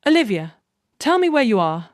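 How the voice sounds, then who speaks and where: A woman's voice: fairly high pitch, very animated, moderate pace, no echo, clean studio sound. Woman voicing a worried, protective brother. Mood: urgent.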